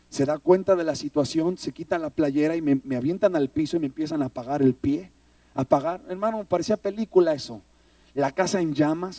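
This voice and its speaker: A man's voice: a little high, warm tone, no echo. A man preaching a sermon, telling his own story emotionally and often calling out "brother". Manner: emotional storytelling, repeatedly addressing "hermano". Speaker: preacher giving testimony. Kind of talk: sermon testimony. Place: church, recorded live. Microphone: phone stream from a distance. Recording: distant phone livestream of a church.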